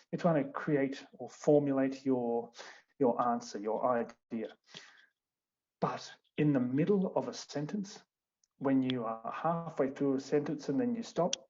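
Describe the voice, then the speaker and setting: Man, english teacher, explanatory, stop-start, muffled audio, clear background noise. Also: medium pitch. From Australia. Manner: explanatory, with frequent fillers and restarts. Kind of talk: online seminar lesson.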